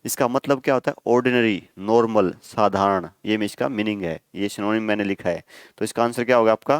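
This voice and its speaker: A male coaching teacher with a smooth, clear voice, recorded dry and close. He explains vocabulary by asking his students questions and then answering them himself. He checks in with "okay?" constantly and spells hard words out letter by letter. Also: mid-range voice, no room sound. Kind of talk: exam-prep vocabulary lesson.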